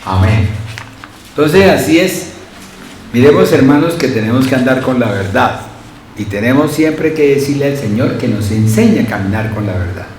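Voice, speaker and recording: A man's voice: medium pitch, lively intonation, normal speed, darkish tone. Guy preaching, keeps asking the crowd "right?", super echoey church, faint hiss. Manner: conversational, asks the congregation frequent questions. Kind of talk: sermon. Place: church hall.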